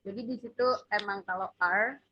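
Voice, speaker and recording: A woman's voice: medium pitch, normal speed, dull audio, slight background noise. A woman teaching a casual one-on-one English lesson, patiently drilling letters for her student to repeat.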